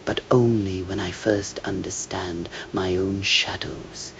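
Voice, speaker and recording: In a slow, meditative scripted monologue, a man speaks very slowly in a low, gravelly voice with fairly even intonation. His measured, contemplative phrases often soften toward a whisper at the ends. The audio is dull, with a faint low noise underneath.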